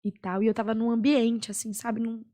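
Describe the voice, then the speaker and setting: A young woman with a Brazilian Portuguese accent, a podcast guest earnestly telling a personal story with many pauses and fillers. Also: fairly high pitch, monotone, mellow. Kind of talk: personal testimony in a podcast chat.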